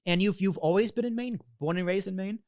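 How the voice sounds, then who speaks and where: A man's voice: high-pitched, quick pace, a little mellow. A young man from Massachusetts hosting a podcast interview, asking eager, enthusiastic questions. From Massachusetts, USA. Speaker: podcast host. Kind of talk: casual interview.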